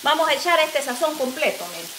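A woman's voice: high-pitched, sing-song, brisk. A woman with a Guatemalan Spanish accent chatting homily to viewers as she cooks in her home kitchen, constantly saying "look" and calling them sweetheart. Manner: homey and chatty, constantly says "mire" and calls viewers "mamayita". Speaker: cooking vlogger. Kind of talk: chatty home cooking vlog. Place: home kitchen while cooking. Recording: echoey kitchen with noise. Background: frying and sizzling pan.

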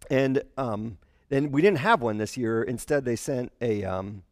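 A man in his forties preaches with a headset mic. His delivery is chatty and lively, and he slips into character voices when he quotes people. The sound is dry and close, with little room echo. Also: medium pitch, a little slow. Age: 40s. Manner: conversational, animated, acts out quotes in character voices. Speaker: pastor. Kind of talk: sermon.

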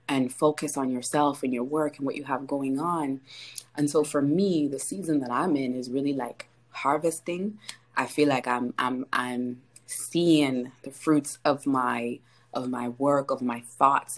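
Low husky-voiced woman podcast co-host. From South Sudan. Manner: reflective, upbeat, casual. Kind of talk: casual podcast chat.

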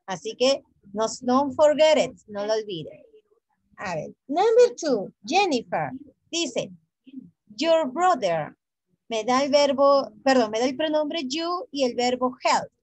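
A woman's voice: high voice, sing-song, slow pace, darkish tone, dry recording, poor audio. A woman English teacher who speaks patiently, repeats each phrase in English and then in Spanish, and quizzes her students by name.

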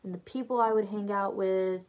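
Through lo-fi sound, a mid-range voice with fairly level intonation moves at normal speed. A young woman whose family is Brazilian and whose first tongue is Portuguese tells her faith story casually to a nearby phone or camera in a small bedroom, full of "like" and "you know" and light laughter.

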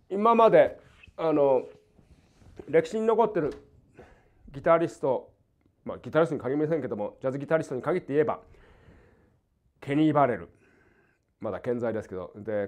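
An older man from Hokkaido with a light Hokkaido accent, teaching jazz guitar in a casual, animated way and acting out rhythms and quoted voices. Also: mid-range voice. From Hokkaido, Japan. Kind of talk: casual spoken lesson. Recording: dull lo-fi recording.

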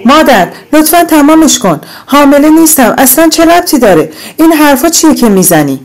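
A woman's voice: medium pitch, expressive, warm tone, faint music behind, natural voice. A woman reading an audiobook, voicing a defiant young adult daughter who argues with her mother in a raised, indignant voice. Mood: angry protest.

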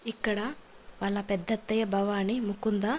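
A woman narrating a recap of a TV serial episode in a steady, plain storytelling manner. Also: mid-range voice, moderate pace, slight background noise.

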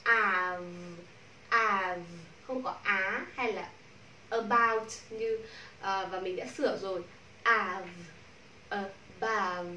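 A woman with a Vietnamese accent teaching English pronunciation to a class, modeling sounds slowly and repeating drills. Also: fairly high pitch, fairly bright tone, distant mic. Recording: echoey room, from the mic, faint noise.

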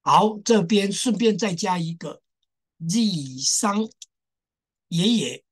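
A woman's voice: mid-range voice, expressive, slow pace, slightly rough. A woman teaching a language class, patiently drilling sounds, repeating syllables and stressing the exceptions to her students. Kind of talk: classroom lesson.

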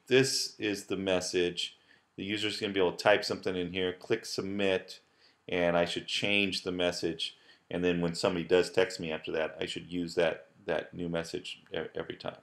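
Very low-voiced man teaching a screencast. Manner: casual, many fillers and restarts. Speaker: professor teaching app building. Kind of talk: screencast tutorial.

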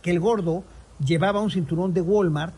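A Mexican man hosting a sports talk show, telling crude, animated stories and acting out people in them. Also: high voice, moderate pace, husky. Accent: Mexican Spanish. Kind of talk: joking storytelling among co-hosts.

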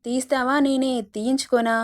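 A woman's voice: high voice, little pitch movement, moderate pace, lightly acted. A woman voicing a playful, possessive young husband in a read-aloud romance story, teasing and sometimes curt. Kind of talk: storybook dialogue reading.

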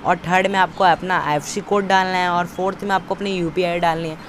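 This young tutorial presenter has a high, fairly bright voice, speaking briskly with fairly even intonation. His informal voice-over walks through steps with repetitive instructions, while a noisy, traffic-like outdoor background runs behind it.

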